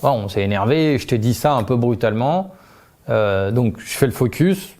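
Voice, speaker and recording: A man with a warm, mellow voice explains a method step by step in relaxed, off-the-cuff speech. He speaks informally, full of hesitations and restarts, and his pitch lifts as he calls out each new step. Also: normal speed. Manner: informal, uses tu, many fillers and restarts, laughs lightly. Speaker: communication trainer. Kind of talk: spontaneous explanatory talk.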